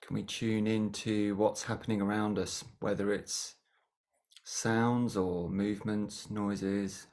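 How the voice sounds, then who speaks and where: Guiding a meditation, the teacher speaks in a deep, level voice, unhurried and gentle, with long silences between phrases.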